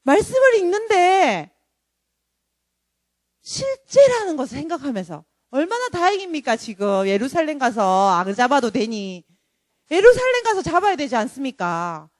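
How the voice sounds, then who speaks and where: A woman preaching a sermon in a lively, joking way, now and then acting out dramatic voices. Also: sits high, normal speed, no room sound, clean studio sound. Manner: animated, jokey, acts out dramatic voices.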